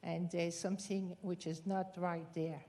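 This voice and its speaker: A woman's voice: fairly low pitch, little pitch movement, a little slow, mellow. A middle-aged woman from France with a French accent, a cattle rancher giving public comment at a meeting in a direct, questioning and slightly indignant way.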